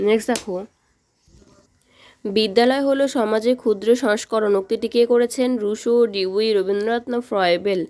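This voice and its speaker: A woman's voice: mid-range voice, darkish tone. A woman teacher, reading exam questions and options aloud, then explaining each answer and often checking in with the students. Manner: reads questions then explains answers, repeats "ঠিক আছে?". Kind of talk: exam practice lesson.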